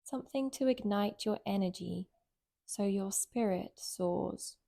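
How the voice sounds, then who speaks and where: A female yoga nidra teacher guides relaxation at a very slow pace. Her medium-pitched voice is warm and mellow yet gravelly, and she speaks gently and soothingly with long, unhurried pauses between phrases.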